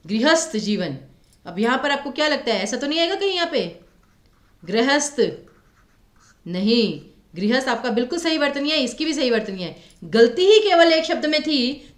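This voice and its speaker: A woman teacher with a Himachali Hindi accent giving an exam-prep grammar lecture, asking students questions and sounding out letters slowly. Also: sits high, reverberant.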